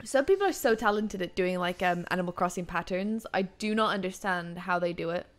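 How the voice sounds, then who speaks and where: A woman streaming a game, bantering casually with friends in an animated, giggly, exclamatory way. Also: fairly low pitch, brisk.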